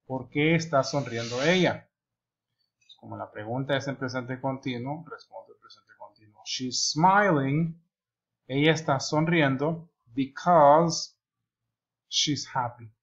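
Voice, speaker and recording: Male English teacher, mid-pitched, slow deliberate examples, dull lo-fi sound. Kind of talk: online English lesson. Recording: dull lo-fi recording.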